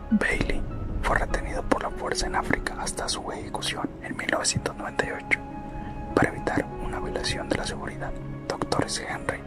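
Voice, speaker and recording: Over loud music, a close-miked whisper delivers a slow, deliberate ASMR script. The creator is in character as a corporate recruiter telling the story of the company's past.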